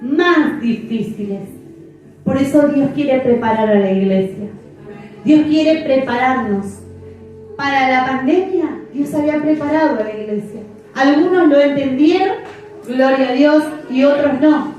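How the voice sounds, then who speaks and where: A woman's voice: high voice, unhurried, darkish tone, dull audio, faint music behind. A middle-aged woman pastor preaching a sermon, emphatic and repeating phrases for effect. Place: church. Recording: echoey church from far off.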